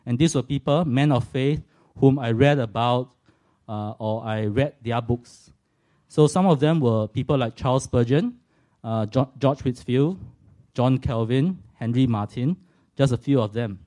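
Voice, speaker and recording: Unhurried and warm, his medium-pitched voice carries a personal faith testimony to a church audience. He is a Singapore man in his forties with a Singaporean accent, earnest and reflective, slipping in bits of self-deprecating humour.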